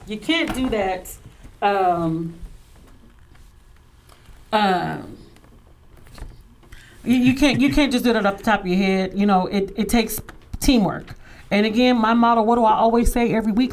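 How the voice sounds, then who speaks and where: A woman's voice: fairly high pitch, unhurried, pauses often. Emphatic woman talk host. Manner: emphatic and animated, says she sounds aggressive. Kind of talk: casual talk show chat. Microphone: studio microphone.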